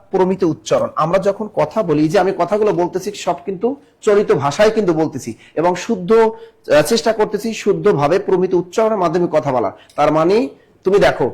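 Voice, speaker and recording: Man, high voice, live class teacher, repeats questions, urges quick answers. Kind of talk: live online exam-prep class.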